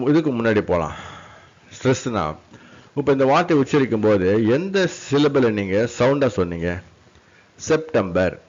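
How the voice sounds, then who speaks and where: A man teaching an English pronunciation lesson in Tamil, patiently repeating example words slowly and often checking that the class understands. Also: medium pitch, darkish tone. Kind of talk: classroom lecture on syllables and stress. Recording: dull lo-fi sound.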